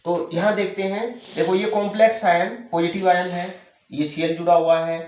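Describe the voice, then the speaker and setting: A man's voice: high-pitched, level tone, moderate pace. A man teaching chemistry in a patient lecture style, repeating key terms and checking in with his students. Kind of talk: classroom lecture. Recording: echoey room, dull lo-fi sound.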